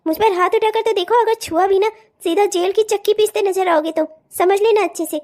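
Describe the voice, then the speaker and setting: A woman voicing a bold, sharp-tongued young bride in a cartoon, scolding and defiant. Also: very high voice, fairly even intonation, brisk. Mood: threatening. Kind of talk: cartoon voice acting.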